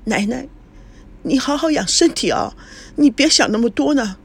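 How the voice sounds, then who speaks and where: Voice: high voice, lively intonation, moderate pace, creaky, slightly rough, voice pushed up, heavily acted. A reader doing a cold, curt young wife. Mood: tearful.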